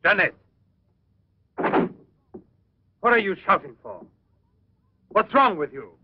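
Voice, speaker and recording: An actor playing a possessive, obsessed male scientist, speaking in a measured, persuasive way in an old English film dub. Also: sits high, very animated, noisy background. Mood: commanding. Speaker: professor. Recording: dull, dry old film soundtrack.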